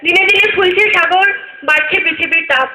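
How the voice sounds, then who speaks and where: A woman acts out a sorrowful female nature spirit in a stage play, her voice pitched extremely high as she laments and lectures in rhyming verse. The sound is roomy and echoey, like a hall. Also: a little fast, sharp tone, a little hiss or hum, heavily acted. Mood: reproachful declaiming. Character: grieving female nature spirit, river and tree.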